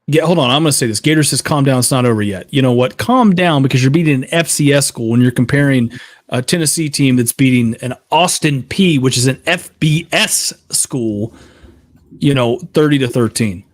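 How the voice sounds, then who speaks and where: Animated man calling scores, dry sound. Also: mid-range voice, normal speed, no echo. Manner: animated, reads out scores and viewer comments. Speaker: co-host. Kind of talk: live sports reaction commentary.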